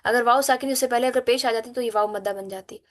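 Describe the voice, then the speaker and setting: A woman teaching an online Quran recitation class, explaining letter sounds patiently and chanting verses in a slow, melodic way. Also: on the high side. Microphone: computer mic on a video call.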